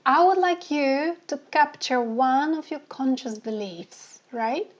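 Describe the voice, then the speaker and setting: Higher-voiced woman coaching in questions. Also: takes it slowly, highs cut off. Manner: asks many rhetorical questions and repeats phrases. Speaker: dating coach. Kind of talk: live online coaching session.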